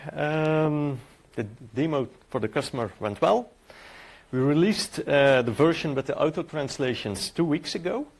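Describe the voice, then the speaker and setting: His voice is medium in pitch and creaky. He's a middle-aged man, a native Dutch speaker giving a technical conference talk in Dutch-accented English, and his delivery is hesitant, packed with filler sounds and restarts.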